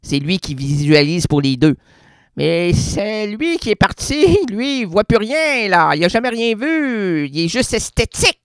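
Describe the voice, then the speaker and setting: Québécois man with a wildly animated voice. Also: high-pitched, a little slow, clean tone, dry recording, clean studio sound. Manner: theatrical, rambling, playful wordplay. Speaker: radio columnist. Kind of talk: absurdist comedic radio monologue.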